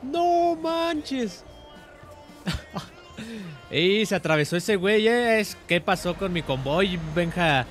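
A young man with a Mexican Spanish accent, casually commenting on a driving game with joking, excitable outbursts. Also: high voice, measured pace, faint music behind. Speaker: streamer.

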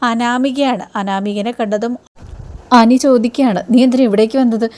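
A woman's voice: a little high, moderate pace, a little mellow. A woman chatting her way through a TV serial episode, quoting each character's lines in turn. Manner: conversational, tag-question fillers, quoting characters' lines. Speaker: serial episode recap narrator.

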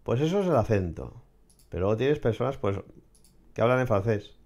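Man, mid-pitched voice, sarcastic and blunt, vlog commentary. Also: sing-song, brisk, darkish tone. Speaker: vlogger commenting on clips and AI tools. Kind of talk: casual commentary.

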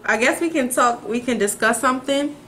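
A woman's voice: high voice, a little fast, a bit bright, slight background noise. A young woman, chatting playfully as co-host while eating. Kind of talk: casual chat while eating.

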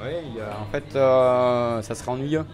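A restaurant owner in his forties chats casually in an interview, relaxed and hesitant, with plenty of fillers. His mid-range voice moves at a normal speed into a handheld reporter mic in a small restaurant while music plays in the background.

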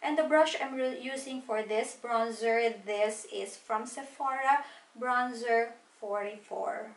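Woman, thirties, beauty vlogger; chatty and step-by-step, high voice, roomy echo. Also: slow pace, distant mic. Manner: chatty, walks through each product step by step. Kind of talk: casual makeup tutorial. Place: small home room at a desk.

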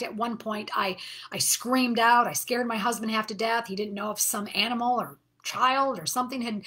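A middle-aged woman giving an earnest Bible study talk, sometimes dropping to a soft half-whisper. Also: mid-range voice, husky. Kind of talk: devotional teaching talk.

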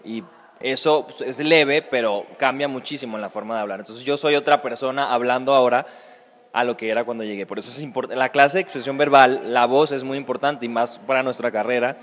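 A young man with a Venezuelan accent talks earnestly about his acting studies. His pitch sits in a middle range and he speaks with lively animation. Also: brisk. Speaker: acting student. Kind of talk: casual interview answers.

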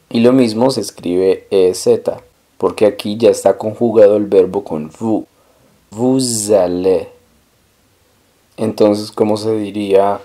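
A man with a lowish, warm voice leads a language lesson. He speaks slowly and patiently, breaking down each sound and saying every example more than once. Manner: explains step by step, repeats model words slowly. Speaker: language teacher. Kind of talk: slow, careful language lesson.

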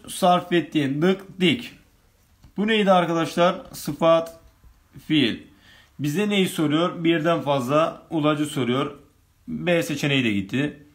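In an online grammar lesson, a man with a fairly high-pitched voice reads exam questions aloud. He then takes his students through each answer step by step.

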